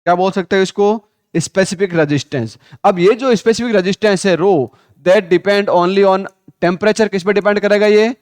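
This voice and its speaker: A male physics teacher running a Hindi class lecture, quizzing students with repeated questions, calling them 'beta', and reading textbook lines slowly. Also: high-pitched, smooth, dry recording. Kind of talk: classroom lecture with call-and-response drills.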